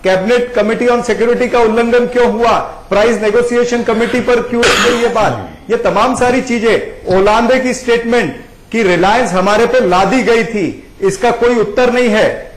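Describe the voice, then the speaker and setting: A man speaking for his party in a televised debate, firing off a rapid string of pointed questions. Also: very high-pitched, echoey room, rough recording. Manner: rapid-fire listing of questions. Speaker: party spokesman. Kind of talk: political debate.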